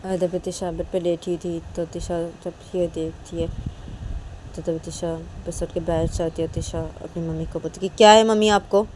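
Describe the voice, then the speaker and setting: A woman giving casual story narration in a quiet, soft-spoken way. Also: fairly low pitch, monotone, normal speed, noisy background.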